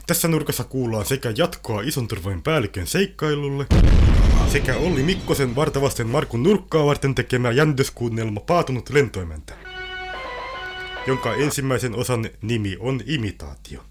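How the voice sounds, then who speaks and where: A man's voice: mid-range voice, expressive, loud music behind the voice. A man hosting a comedic radio segment with a playful, mock-formal delivery. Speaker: radio host.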